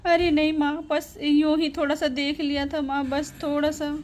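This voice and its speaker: A woman's voice: sits high, flat delivery, normal speed, a little mellow, natural voice. A woman voicing a daughter caught on her phone, making sheepish excuses.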